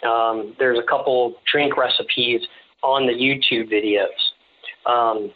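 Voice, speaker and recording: A male podcast guest talks casually in a halting, rambling, joking way. The recording is narrow and lo-fi, like a phone. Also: medium pitch, fairly even intonation. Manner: jokey, rambling, halting delivery. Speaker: podcast guest, small-business owner. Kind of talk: casual interview chat. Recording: slightly dull, lo-fi sound.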